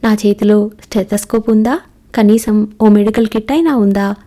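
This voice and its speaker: A woman's voice: medium pitch, moderate pace, mellow, natural voice. A woman reading the part of a young male doctor in a storybook reading, teasing and light. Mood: playful. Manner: playful, apologetic. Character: Krishna, young doctor husband, warm and playful.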